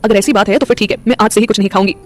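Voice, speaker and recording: A woman's voice: medium pitch, steady tone, rapid-fire, natural voice. A woman voicing a stubborn, devoted young woman in a romantic audio story. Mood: determined. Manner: stubborn, insistent.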